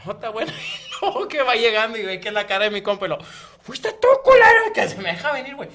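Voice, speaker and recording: A Mexican man with a high, bright voice rattles through a story at a fast clip. He is a podcast co-host in casual chat, rowdy, profane and breaking into laughter often. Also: lively intonation. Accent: Mexican Spanish.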